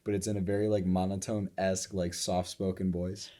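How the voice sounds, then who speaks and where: A man guests on a casual podcast chat, rambling loosely and swearing now and then. His voice sits low for a man. He talks in a relaxed, offhand way. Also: a little fast.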